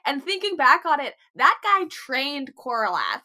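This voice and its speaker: A woman co-hosting a casual book club podcast, animated, swearing freely and laughing often. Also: high-pitched, measured pace. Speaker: podcast co-host.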